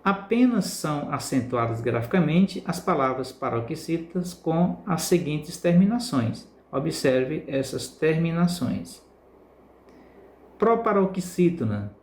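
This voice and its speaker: A male Brazilian Portuguese teacher giving a recorded class lesson, repeating words slowly to stress their syllables. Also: on the high side, very animated, darkish tone, roomy sound. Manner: slow, drawn-out word repetition for emphasis.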